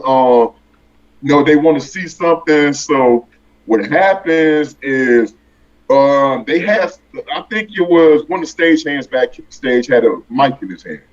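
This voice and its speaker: A man telling a long story as an interview guest, acting out his own thoughts with lively bursts. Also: fairly high pitch, dull audio. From American.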